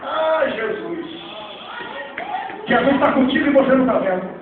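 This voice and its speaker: A man with a Rio de Janeiro Portuguese accent preaching a Pentecostal sermon, swinging from hushed asides to shouted exclamations. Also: very high voice, lively intonation, normal speed, narrow, tinny audio, a loud crowd. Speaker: pastor. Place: church hall. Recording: echoey, far-off hall recording with faint noise.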